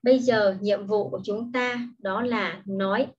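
A primary school English teacher leads a slow, patient online lesson for young children, her fairly high voice a little husky and mellow, with fairly even intonation. She explains each word before pronouncing the English carefully, often twice, on a dull, lo-fi recording.

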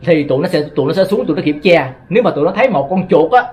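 A vlogger from Vietnam with a Southern Vietnamese accent rambles through a casual monologue to his viewers, often stumbling and repeating words. His voice is a little high, expressive and darkish in tone, and he speaks rapid-fire.

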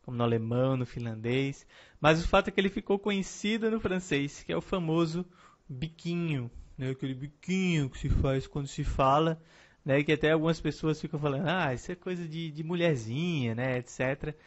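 A man's voice: on the high side, brisk, highs cut off. A man teaching French pronunciation in a video lesson, explaining patiently and often tagging his sentences with a questioning "right?".

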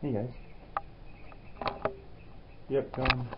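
A man's voice: mid-range voice, little pitch movement, very slow. A man talking casually in a home vlog, coaxing and giving commands to his pet dogs. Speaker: vlogger. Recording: lo-fi home video with loud background noise.

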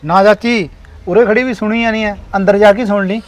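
A man's voice: high-pitched, steady tone, brisk, close to an everyday voice. A man acting an elder brother who insistently reasons with his family to settle a household quarrel. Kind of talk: family comedy skit acting. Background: music.

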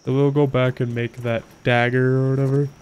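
A man's voice: mid-range voice, level tone, a little fast, darkish tone, smooth. A man streaming a video game, thinking aloud in a rambling, jokey way. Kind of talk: casual gameplay commentary.

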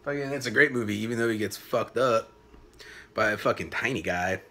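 Vlogging from a small apartment, a man in his late twenties talks into his phone camera at arm's length, his medium-pitched voice pushed and bright. He rambles loosely, swears freely, and keeps stalling on fillers before trailing off.

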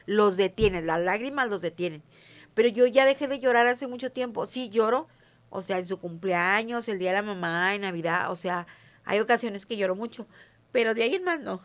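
A woman's voice: medium pitch, a little fast. Chatty Mexican woman in an interview. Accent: Mexican Spanish. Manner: chatty, emphatic, often asks "¿sí me entiendes?". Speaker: interview guest, self-described witch. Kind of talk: casual conversational interview.

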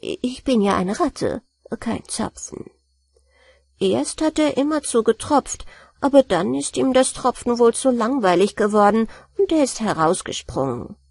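Brief: cheeky female rat, read by a woman, feigned innocence, mocking, slow. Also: a little high, animated, vocal fry, darkish tone, husky, dry recording, full character voice. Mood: sly innocent.

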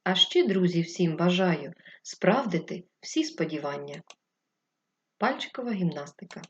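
Brief: woman primary teacher, recorded remote lesson, slow and clear for young children, lo-fi sound. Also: lowish voice, animated, noisy background. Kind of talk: recorded distance-learning lesson.

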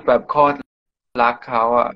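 A man's voice: unhurried, dull audio. A teenage man from England whose first language is English, speaking casual, slangy Thai as an interview guest. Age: teens. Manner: casual, slangy Thai, says yeah often.

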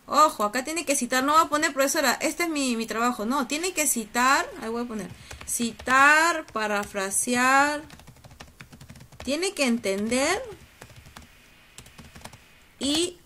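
A woman's voice: fairly high pitch, a bit bright, a little hiss or hum. A woman teacher lecturing students on a video call, coaxing and teasing them with questions. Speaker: university teacher. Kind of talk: online class lecture.

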